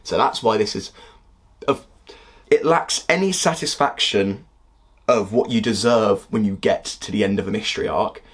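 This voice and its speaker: Young guy in his 20s, kinda husky, ranting at the camera about a show, fed up. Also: medium pitch, a bit bright. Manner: heated, exasperated ranting. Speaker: video critic. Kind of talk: casual critique monologue.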